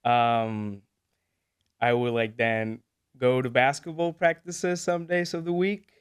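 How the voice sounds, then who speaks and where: Smooth-voiced young man, hesitant. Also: medium pitch, steady tone, takes it slowly. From Venezuela. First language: Spanish. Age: 20s. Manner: hesitant, many fillers, laughs easily. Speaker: guest. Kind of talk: casual interview talk.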